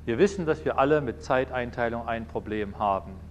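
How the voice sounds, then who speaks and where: A man's voice: medium pitch, fairly quick, a little hiss or hum. A man giving a sermon, telling anecdotes and acting out little dialogues in changing voices. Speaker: preacher.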